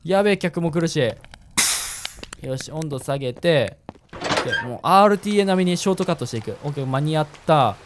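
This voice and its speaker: A man's voice: on the high side, lively intonation, brisk, slight background noise. A young man chatting casually and reacting jumpily as he plays a horror game, with game music behind.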